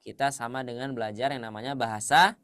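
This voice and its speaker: A man teaching a tajwid class, quizzing his students and confirming their answers, at times chanting Arabic verses slowly. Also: medium pitch, fairly even intonation, a bit bright, clean tone, no echo, studio quality. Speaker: Quran recitation teacher.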